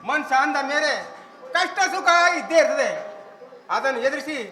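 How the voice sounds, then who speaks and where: A man's voice: very high voice, normal speed. A man playing a poor, humble young man in a village stage drama, consoling a friend with advice. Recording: roomy stage, loud live music.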